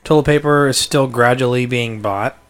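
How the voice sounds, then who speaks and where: A young man co-hosting a family podcast in casual chat, playful and quick to laugh and mimic. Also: mid-range voice, clean tone. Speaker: podcast co-host.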